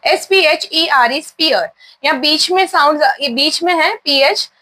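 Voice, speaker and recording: A woman's voice: high voice, unhurried, pushed and bright. A woman with an Indian accent teaching English pronunciation, spelling each word out letter by letter and then saying it, repeating words as a drill.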